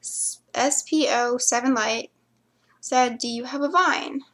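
A woman's voice: high-pitched, slow, fairly bright tone. A young woman chatting casually to camera, answering viewer questions and rambling into mumbled asides.

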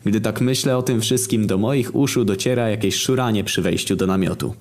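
A man's voice: lowish voice, a little fast, a little mellow. A man reading a comic story aloud, with sardonic asides and exaggerated turns.

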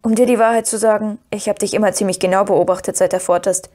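A woman reading the part of Merry, a calm and knowing young male hobbit who speaks with quiet decisiveness. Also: medium pitch, fast, lightly acted. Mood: reassuring.

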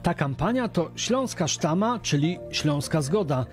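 A man's voice: a little high, lively intonation, unhurried. A man narrating a scripted television news report as the reporter. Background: music.

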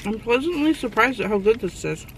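A woman chatting casually with her mouth full while eating on camera, relaxed and telling little stories between bites. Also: on the high side, a little fast, noisy background. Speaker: mukbang co-host.

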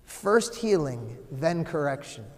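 A man preaches in a big sanctuary, his fairly high voice ringing with long church reverb. He is animated, swinging between loud emphasis and a near-whisper. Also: slow pace. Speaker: priest. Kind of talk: sermon. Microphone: far camera, no visible mic.

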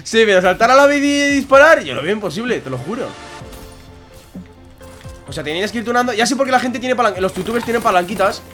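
A young man giving excited gameplay commentary at a desk microphone, yelling and laughing at the game. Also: high voice, quick pace, faint music behind. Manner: yells and laughs at the game, rambling. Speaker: gaming YouTuber.

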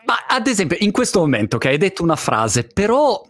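A man's voice: high-pitched, sing-song, brisk. A man hosting a casual interview over a video call, asking curious, enthusiastic questions. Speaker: host.

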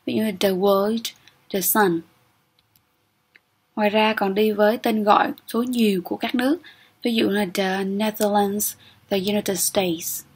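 Breathy woman teaching grammar. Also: medium pitch, steady tone, a little slow, pauses often. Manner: explains step by step, often checks with "ok?". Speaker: English teacher. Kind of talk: exam-prep grammar lecture.

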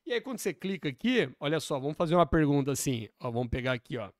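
A man's voice: on the high side, sing-song, very fast, no room sound, studio quality. A Brazilian man talking casually about tech, chatty and often tagging "né?". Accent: Brazilian Portuguese. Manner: chatty, keeps adding "né?". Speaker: tech youtuber. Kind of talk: casual tech video commentary.

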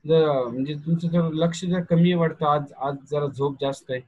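A male programming teacher with a Marathi accent giving an online class over a video call, quizzing students and dictating notes slowly. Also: fairly high pitch, steady tone, dry recording, lo-fi sound.

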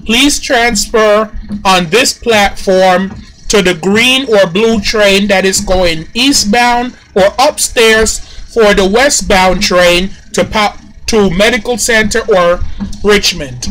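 A man puts on a polite train conductor calling out to passengers. His voice is high for a man. The announcements are formal and official, with key phrases repeated for the platform. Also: fairly bright tone, low-quality recording. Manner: formal, repetitive calls to passengers.

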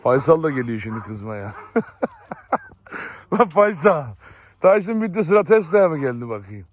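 A man filming a casual farm vlog, chatting to viewers while calling and calming his dogs outdoors. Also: fairly high pitch, unhurried, highs cut off.

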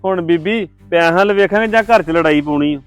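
A man playing a calm family elder who tries to settle a quarrel between mother and son. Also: fairly high pitch, fast talker, clean tone, faint music behind, lightly acted. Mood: placating. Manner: placating, peacemaking. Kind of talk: homemade family drama acting.

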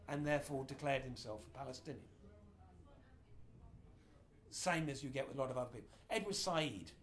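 A middle-aged man with a medium-pitched voice explains history informally in a small indoor room, gesturing broadly. Slight background noise is audible.

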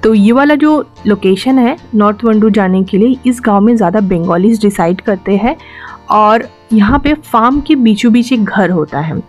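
A young woman vlogger from the Andaman Islands narrates a road trip in a chatty, explanatory voice-over. She keeps slipping English words into her speech at a mid pitch. Faint music plays quietly underneath. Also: moderate pace. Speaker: travel vlogger.

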